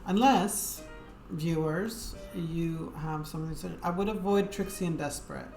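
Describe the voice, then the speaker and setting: In an echoey space with game music, a woman streamer chats casually to her viewers, rambling and hesitating with frequent fillers. Her voice is fairly low with a darkish tone, at a moderate pace.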